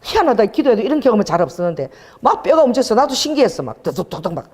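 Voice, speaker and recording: A woman pastor preaching a sermon, telling a story with lively quoted voices. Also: a little high, racing, in a large hall.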